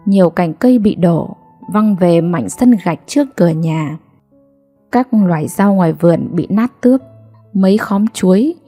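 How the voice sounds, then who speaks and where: A woman storyteller giving slow, sorrowful audiobook narration. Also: medium pitch, warm tone.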